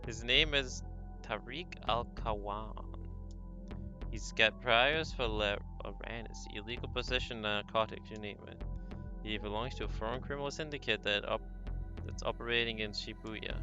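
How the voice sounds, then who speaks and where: A man voicing a police commander who gives a slow, measured briefing over the radio. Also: fairly low pitch, highs cut off, music in the background, natural voice. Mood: official.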